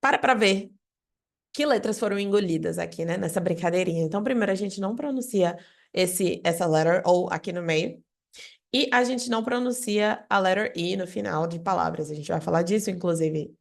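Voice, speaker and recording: A Brazilian woman giving an online English lesson, speaking directly to the viewer and asking lively questions. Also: lowish voice, brisk, creaky. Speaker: English teacher.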